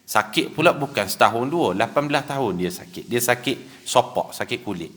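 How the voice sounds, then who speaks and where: A man's voice: mid-range voice, moderate pace. A man preaching with a Malaysian Malay accent, telling stories animatedly and acting out the dialogue. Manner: animated storytelling, acts out dialogue, chuckles. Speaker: religious teacher. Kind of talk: sermon. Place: prayer hall.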